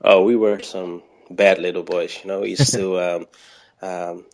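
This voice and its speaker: A man's voice: low voice, flat delivery, unhurried, a little mellow. A man from Aruba with an Aruban accent, chatting casually in an interview and often searching for words. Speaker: podcast guest.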